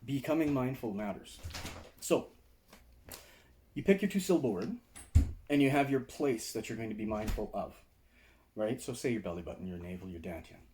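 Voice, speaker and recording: A man's voice: on the low side, expressive, normal speed, long pauses, a little mellow, a little hiss or hum. A man giving a casual seated video lecture on meditation and martial arts indoors, talking conversationally and checking in with "right?" and "okay?".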